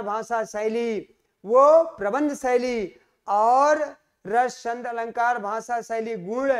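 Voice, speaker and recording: High-voiced, slow, clear-toned male teacher. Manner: addresses students fondly, asks questions and answers them; reads verse lines slowly and with stress. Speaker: Hindi teacher. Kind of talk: exam-prep lesson explaining poetry.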